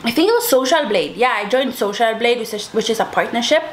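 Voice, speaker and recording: A woman's voice: a little high, expressive, fast, slight background noise. A young adult woman telling a personal story to viewers in a casual, chatty, informal way, like a YouTuber talking to camera. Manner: chatty, informal, addresses listeners as guys.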